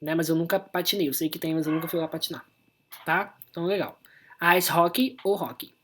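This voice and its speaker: Brazilian woman teacher, lowish voice, chatty explainer who keeps checking in with the class. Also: steady tone, fairly quick, fairly bright tone, breathy edge. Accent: Brazilian Portuguese. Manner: chatty, explanatory, constant "né?" and "tá?" tags. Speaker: English teacher. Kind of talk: online lesson.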